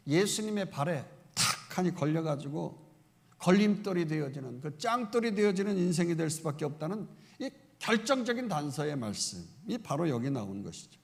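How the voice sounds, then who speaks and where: A man's voice: a little high, gravelly. A male pastor preaching an expository sermon with emphatic rhetorical questions in a church sanctuary. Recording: reverberant church hall.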